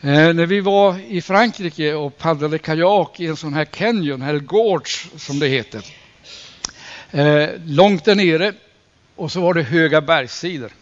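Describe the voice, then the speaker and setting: Earnest preacher man, slightly high voice. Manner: earnest, slows and stresses key phrases, rises when quoting scripture. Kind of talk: sermon. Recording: dull lo-fi recording.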